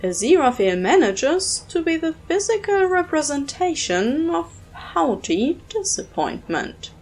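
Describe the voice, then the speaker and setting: A woman narrating a fan audio drama in a measured, expressive storytelling manner. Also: high voice, faint music behind, low-quality recording. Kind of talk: scripted narration.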